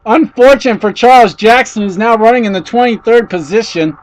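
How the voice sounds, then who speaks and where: A man with a high voice calling a race play-by-play. He reels off positions and names, then gets excited and loud when cars bang together. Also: fairly quick, no room sound, poor audio. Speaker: race commentator. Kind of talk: play-by-play commentary.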